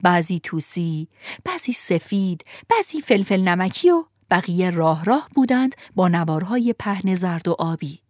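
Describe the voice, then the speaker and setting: A woman narrating a storybook in an expressive, vivid manner. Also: lowish voice, no echo, studio quality.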